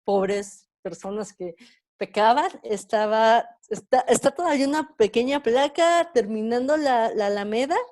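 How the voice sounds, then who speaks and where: A woman's voice: on the high side, expressive, moderate pace, a little mellow. Mexican woman telling a history story. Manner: conversational, poses rhetorical questions to the audience. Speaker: tour guide, guest speaker. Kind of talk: storytelling talk with slides.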